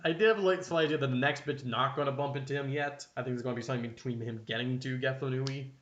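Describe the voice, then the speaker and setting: Young Canadian podcast host; rambling, self-correcting, recorded in a roomy space on a muffled mic. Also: male voice, mid-range voice, fairly even intonation, fast talker, a bit bright, a little hiss or hum. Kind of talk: casual chat. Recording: dull, roomy home recording.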